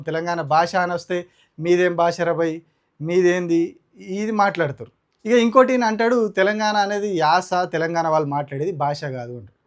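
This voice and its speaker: Man, Telangana accent, high voice, indignant political commentary, combative rhetorical delivery. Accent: Telangana Telugu. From Telangana, India. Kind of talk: heated opinion commentary.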